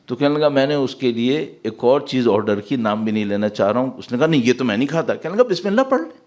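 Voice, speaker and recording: A man's voice: mid-range voice, darkish tone. A male preacher giving a Muharram sermon in a large hall, reciting verses and putting questions to the listeners. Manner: mixes English words into Urdu speech. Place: large mosque hall with a congregation.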